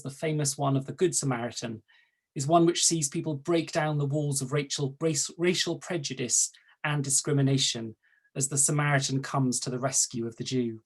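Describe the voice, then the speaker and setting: Presenting at an online webinar by video call, a native Welsh-speaking archdeacon gives a formal, measured prepared talk. His accent is Welsh, his voice fairly high and husky, and he sets out his points one by one.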